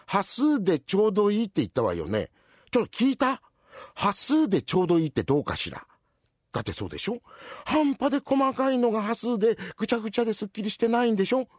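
A fussy, chatty old woman shopper, as a male storyteller puts her on, rambling and scolding in a comic rakugo tale. Her voice swoops lively up and down. The recording is close and dry. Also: high-pitched, dry recording, voice pushed up.

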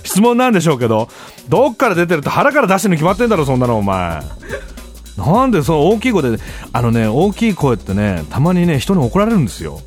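A man hosting a show as a comedian, telling stories in a loud, animated way in a casual monologue. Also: on the high side, fast, faint music behind. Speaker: comedian host. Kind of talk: casual radio-style monologue.

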